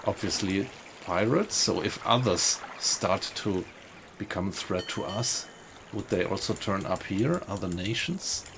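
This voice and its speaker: A man's voice: low-pitched, animated, measured pace, vocal fry, few pauses, background noise. A man giving casual gameplay commentary, musing to himself and asking himself questions as he goes. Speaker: gaming video host.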